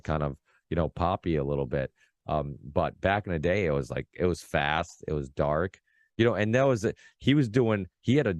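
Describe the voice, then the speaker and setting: Deep rambling man from Massachusetts. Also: no room sound, studio quality. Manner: rambling, excitable, many fillers and restarts. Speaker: podcast host. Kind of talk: casual chat.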